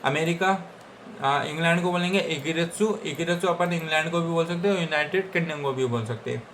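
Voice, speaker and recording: Young Indian male tutor, slightly high voice, casual, repetitive drilling, faint noise behind. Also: fast talker, fairly bright tone. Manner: repeats each word several times, with frequent "theek hai guys". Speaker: Japanese language teacher. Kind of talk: casual Hindi language lesson.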